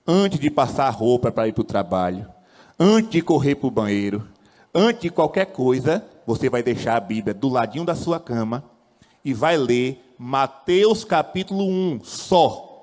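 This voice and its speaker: A priest giving a fiery sermon, swinging widely between loud high exclamations and low quiet phrases, asking rhetorical questions and leading the congregation in call-and-response. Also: male voice, very animated, a little slow. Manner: impassioned preaching with wide swings in pitch and loudness, rhetorical questions. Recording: long church reverb.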